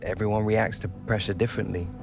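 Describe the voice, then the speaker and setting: Low-voiced young English footballer. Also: male voice, fairly even intonation, quick pace, vocal fry, music in the background. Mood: thoughtful, composed. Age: young adult. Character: young male professional footballer, modest and loyal. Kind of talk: naturalistic game cutscene acting.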